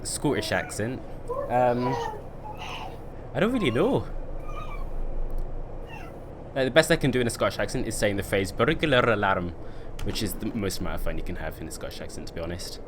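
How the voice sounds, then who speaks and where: A man's voice: on the low side, fast, background noise. A man streaming a bus simulator game. He chats casually, teases, and laughs often. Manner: jokey, laughs often, teasing.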